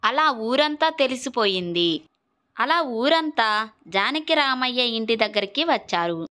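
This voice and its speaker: Bright, clear female storyteller. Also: a little high, animated, a little slow. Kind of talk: scripted children's story narration.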